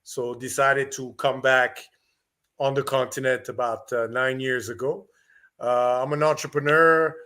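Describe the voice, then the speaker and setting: Middle-aged male guest from Rwanda, bright tense tone, hesitant with fillers. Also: medium pitch, steady tone, unhurried, smooth. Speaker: guest entrepreneur. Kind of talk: interview answers.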